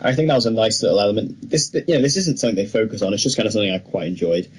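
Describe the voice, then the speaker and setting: Racing along at a fairly low pitch, this young British man chats casually as co-host of a film podcast reviewing movies. Noisy background ambience is clearly audible.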